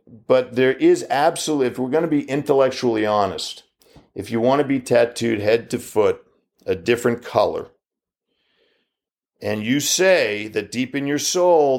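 A man in his fifties argues his opinion in a monologue packed with rhetorical questions, and his pitch leaps upward whenever he challenges the listener.

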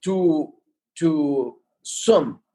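A man explaining things in an interview as a guest entrepreneur, halting and repeating words as he goes. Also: a little high, warm tone, husky. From Mexico.

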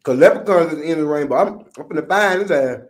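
A man's voice: fairly high pitch, quick pace. An American man on a casual comic rant, swearing freely and talking in playful slang. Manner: profane, slangy, playful ranting. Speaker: co-host of a vlog.

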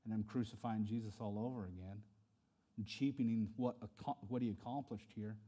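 A man preaching a sermon in a lively, conversational way, swinging between hushed reflection and loud emphasis. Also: on the low side, moderate pace. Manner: animated, acts out quotes in character voices. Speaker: pastor.

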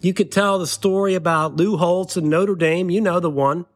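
A man's voice: high voice, steady tone, moderate pace. A middle-aged man hosting a comedy podcast, delivering a mock-serious, sarcastic satirical monologue aimed at a letter writer.

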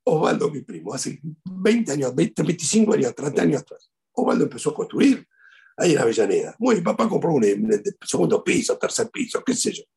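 Very raspy, gravelly Argentine rabbi. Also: male voice, on the high side, brisk. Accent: Argentine Spanish. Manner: animated storytelling, repeats key phrases. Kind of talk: eulogy sermon.

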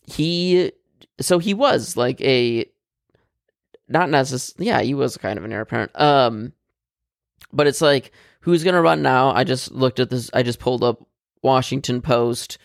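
A man's voice: mid-range voice, measured pace, vocal fry, dry recording, studio quality. A man co-hosting a casual political chat, blunt and opinionated, swearing freely and rambling with fillers and restarts.

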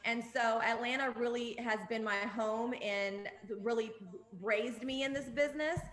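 A woman's voice: on the high side, fairly even intonation, unhurried, fairly bright tone, reverberant, poor audio. A woman born in Jordan, an upbeat, talkative guest speaking over a video call. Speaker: music industry guest. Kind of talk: casual interview.

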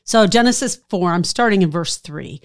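Middle-aged female co-host, lower register, thoughtful and earnest, dry close sound. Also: expressive, moderate pace, clear, resonant tone, no echo. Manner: earnest, thoughtful, reads aloud with emphasis. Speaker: podcast co-host. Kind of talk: casual faith podcast chat and scripture reading.

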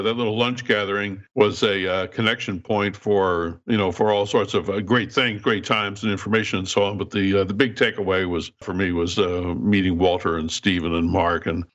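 A man's voice: fairly low pitch, fairly even intonation, fairly quick, few pauses, a bit bright, muffled recording. An older man hosting a podcast in a wry, conversational way with florid, tongue-in-cheek wording. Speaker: podcast host.

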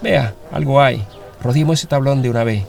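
A man voicing a suspicious veteran army sergeant who shouts his orders. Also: medium pitch, moderate pace, creaky, soft background music, pitched above the performer's own voice, natural voice. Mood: commanding. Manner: shouted commands.

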